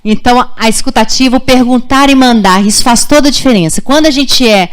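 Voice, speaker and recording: A woman's voice: a little high, fairly quick. Woman in her forties, pediatrician speaking to parents in a friendly, conversational way. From Brazil. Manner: warm, conversational, checks in with "tá?" and "gente". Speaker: pediatrician giving a parenting talk. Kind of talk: live lecture to parents. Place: school auditorium.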